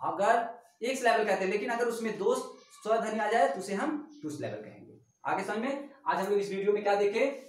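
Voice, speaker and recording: A woman's voice: mid-range voice, lively intonation, moderate pace, a little mellow. A woman teaching a grammar lesson, repeating points and asking check-in questions. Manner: repetitive, asks rhetorical check-questions. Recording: echoey room, voice far from mic.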